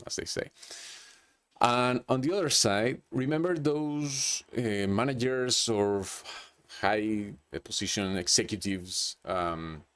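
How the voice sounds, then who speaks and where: A hesitant man with a Chilean accent gives an unscripted business presentation, full of restarts and "like." His voice is fairly low in pitch and a bit bright.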